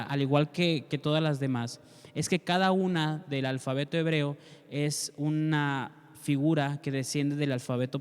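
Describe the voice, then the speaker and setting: Male Bible teacher, earnest and direct, smooth slightly high voice, reverberant room. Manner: warm earnest teaching, addresses listener directly. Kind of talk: Bible class with prayer. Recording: long reverb.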